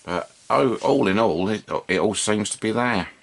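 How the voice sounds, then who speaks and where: At his indoor workbench, the host of a hobby radio repair video talks through an unscripted demonstration, casual, understated, and hesitant as he thinks out loud. He speaks at normal speed in a lowish voice with vocal fry.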